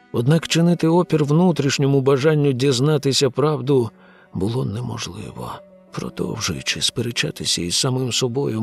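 A man reading an audiobook aloud in a measured, grave storytelling manner. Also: medium pitch, gravelly, slightly rough. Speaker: audiobook narrator. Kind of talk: scripted audiobook narration.

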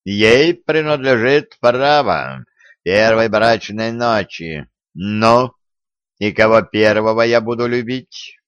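A man voicing a huge wolf with a slow, mocking drawl in an audiobook. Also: fairly low pitch, animated, a bit bright, clean tone, dry recording, dull audio.

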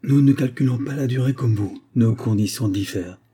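A man's voice: mid-range voice, moderate pace, warm tone, slightly rough, natural voice. A man reading an audiobook, voicing the hard, cold spirit of a dead man who speaks through a medium. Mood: solemn, cold. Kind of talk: audiobook character voice.

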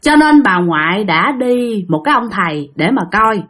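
A woman's voice: medium pitch, sing-song, normal speed, fairly bright tone. A woman with a Southern Vietnamese accent telling a ghost story in a chatty way, addressing her listeners directly. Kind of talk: casual spoken ghost story.

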